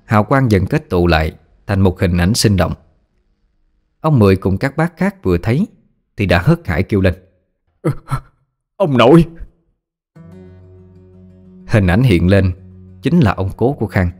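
Male ghost story narrator, low voice. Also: lively intonation, moderate pace, long pauses, darkish tone, faint music behind.

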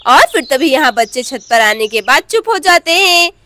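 A woman narrating a children's doll story, speaking lively and talking straight to the viewers. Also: sits high, normal speed, no room sound. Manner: lively, addresses viewers directly.

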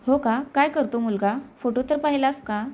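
A woman's voice: sits high, normal speed, a little mellow, lightly acted. Brief: woman storyteller voicing a cheerful teasing girlfriend, storybook reading. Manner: teasing, playful. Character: young woman, teasing cheerful best friend.

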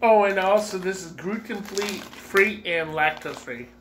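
A man's voice: sits high, measured pace. A man in his thirties hosting a casual food review vlog in a small living room. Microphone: camera or phone at arm's length. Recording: noisy room recording.

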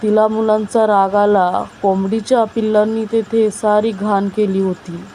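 Slow, mellow woman storyteller. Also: medium pitch, level tone, slight background noise, low-quality recording. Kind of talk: scripted story narration.

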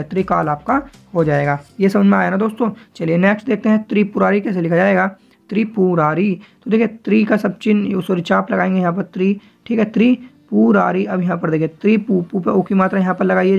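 A man teaching a shorthand lesson, explaining each step patiently and often checking that it is clear. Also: high voice, highs cut off. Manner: patient, repeats points, often asks if it is clear.

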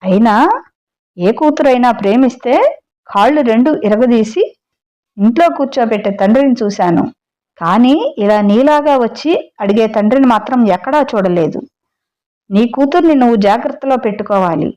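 A woman's voice: a little high, animated, normal speed, warm tone, muffled recording, natural voice. Woman voicing a sarcastic, scolding village aunt. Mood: angry. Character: sharp-tongued sarcastic older village woman, a feared aunt.

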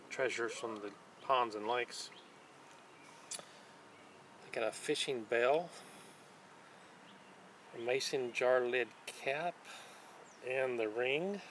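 A man's voice: mid-range voice, a bit bright, slight background noise. Plain-spoken man showing lake finds. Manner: plain, unhurried, listing items one by one. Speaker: channel host showing magnet fishing finds. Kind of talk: casual show-and-tell narration. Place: outdoors on a wooden dock by a lake.

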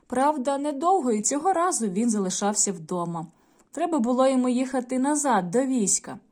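A woman teacher in a video lesson, reading a folk tale aloud and addressing the children in a clear, measured storytelling manner. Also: a little high, mellow. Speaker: primary school teacher.

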